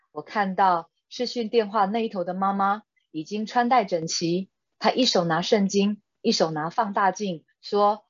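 Middle-aged lady reading her story, gentle and earnest, dry dull sound. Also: mid-range voice, no echo. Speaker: guest. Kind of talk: reading a personal testimony.

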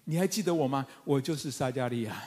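A middle-aged man pastor preaching a sermon, animated and fervent, with humorous asides to the congregation. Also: mid-range voice, fast. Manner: animated, rising to fervent emphatic calls. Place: church sanctuary with congregation. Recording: long church hall reverb.

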